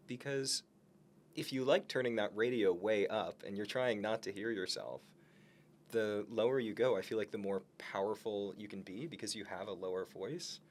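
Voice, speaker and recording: A podcast co-host with a low voice and normal pace talks casually about self-improvement. His manner is encouraging and reflective.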